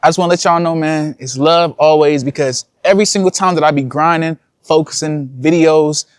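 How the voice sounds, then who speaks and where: A man's voice: fairly high pitch, fairly even intonation, a little fast, smooth, dry recording, studio quality. A young man, a content creator, talking casually and slangily to his viewers in a vlog. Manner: casual slangy talk, addresses viewers as y'all.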